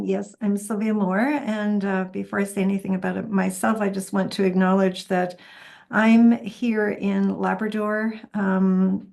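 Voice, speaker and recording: Mellow, gravelly woman on a video call. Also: medium pitch. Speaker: panelist, academic dean. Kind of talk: measured self-introduction on a video call.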